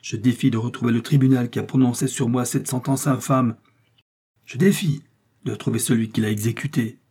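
A man's voice: mid-range voice, steady tone, fairly quick, mellow, breathy edge. A man voicing a terrified, cornered female poisoner who shrieks and pleads in a storybook reading. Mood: defiant.

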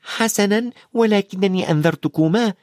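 A man's voice: high-pitched, normal speed, a little mellow, no echo, clean studio sound, pitched above the performer's own voice, close to an everyday voice. A man voicing a bossy know-it-all schoolgirl who scolds in urgent hisses, for an audiobook. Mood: scolding. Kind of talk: audiobook character voice.

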